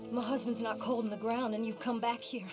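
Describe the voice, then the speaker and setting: An actress playing a grieving widow in a Western game, wounded, intense and accusing. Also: female voice, a little high, steady tone, fairly quick, music in the background, natural voice. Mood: bitter, accusing. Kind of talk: video game Western drama acting.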